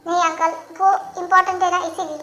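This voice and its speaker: A woman voicing an evasive young college woman who pleads in a hurried way. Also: very high-pitched, little pitch movement, bright, forceful tone, reverberant, soft background music.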